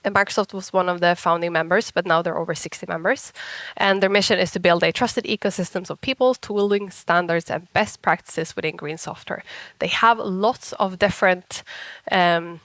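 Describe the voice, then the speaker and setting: A woman with a Swedish accent gives an informal conference talk in a husky whiskey voice roughened by a cold, chatty and self-deprecating. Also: on the low side, normal speed, a bit bright, no room sound. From Sweden. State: sick with a cold. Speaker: conference speaker, software engineer.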